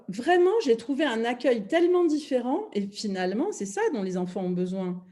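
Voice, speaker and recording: A woman's voice: a little high, warm tone. A middle-aged woman speaking to an audience about parenting, reflective, often restarting her sentences. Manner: reflective, many restarts and fillers. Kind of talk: talk to an audience.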